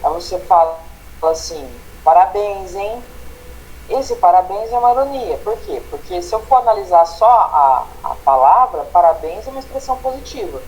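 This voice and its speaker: A man's voice: high voice, sing-song, brisk, a little mellow, slight background noise, rough recording. Brazilian man teaching a grammar lesson. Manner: explanatory, tags phrases with "né?" and "tá?".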